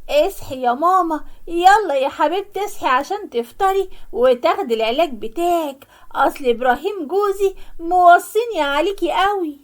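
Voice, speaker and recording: A woman's voice: very high-pitched, fairly quick, pitched above the performer's own voice. Woman voicing a harsh scolding Egyptian daughter. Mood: sweet. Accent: Egyptian Arabic. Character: sharp-tongued young married daughter, scolding.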